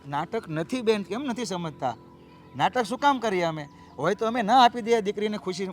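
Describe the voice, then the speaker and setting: A middle-aged actor playing a humble father who pleads earnestly and tries to calm others. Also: high-pitched, normal speed, faint music behind. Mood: pleading. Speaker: actor in a family drama.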